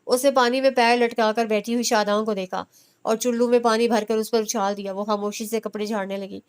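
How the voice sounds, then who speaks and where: A woman narrating a romance novel as an audiobook in a steady storytelling manner. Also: on the high side, smooth.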